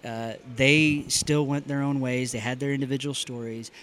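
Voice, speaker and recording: A man on a podcast panel chatting casually about a video game, getting more animated as he gets excited. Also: medium pitch, moderate pace. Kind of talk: casual review chat.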